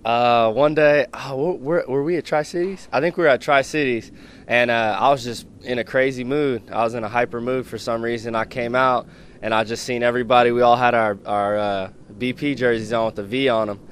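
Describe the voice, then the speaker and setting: A man's voice: medium pitch, fairly quick, a little hiss or hum. Rambling male ballplayer, faint background. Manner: rambling, excited retelling. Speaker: baseball player. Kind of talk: casual storytelling answer.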